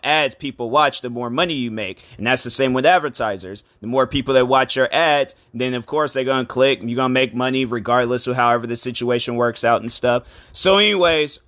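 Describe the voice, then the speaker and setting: A man's voice: mid-range voice, fairly bright tone, no echo. A man hosting his own channel, rambling and complaining in a casual rant recorded on his cell phone microphone. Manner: rambling, filler-heavy, frustrated complaining. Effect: phone-recorded video. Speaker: channel host.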